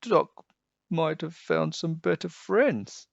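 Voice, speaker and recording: A man's voice: a little high, slow pace, creaky, no echo, dull audio, pitched above the performer's own voice, exaggerated voice. A man voicing a bossy, emotional cat in a children's storybook. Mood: tearful, sad. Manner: snappy, emotional. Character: bossy scoffing storybook cat, prone to wailing.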